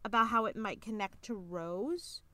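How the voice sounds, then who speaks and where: A woman's voice: mid-range voice, crowd noise. A young woman co-hosting a casual podcast, chatty and playful, who laughs easily. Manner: chatty, giggly, gets loud and playful when rushed. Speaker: podcast co-host. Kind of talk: casual book-club chat.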